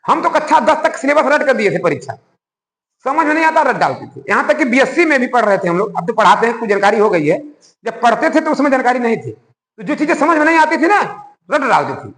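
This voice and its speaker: Male schoolteacher, high and animated delivery, conversational lecture, echoey classroom with long reverb. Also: fast talker. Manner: animated, conversational, asks the class rhetorical questions. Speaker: school science teacher.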